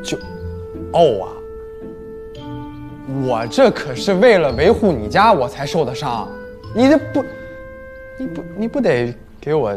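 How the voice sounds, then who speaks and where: An actor playing a boastful, easily flustered young man in a TV drama. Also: medium pitch. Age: young adult. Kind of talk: TV drama acting. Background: music.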